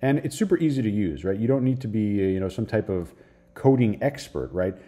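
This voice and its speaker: A young adult man walking viewers through a software tutorial in an upbeat way, often tagging his sentences with "right?". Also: on the low side, lively intonation, brisk. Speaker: online business course creator. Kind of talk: screen-share software tutorial.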